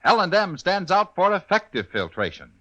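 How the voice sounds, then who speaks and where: Bright and forceful, this man's high, sing-song voice carries a punchy, emphatic 1950s radio commercial at normal speed. He's the announcer, selling hard in singsong style, though the audio sounds dull.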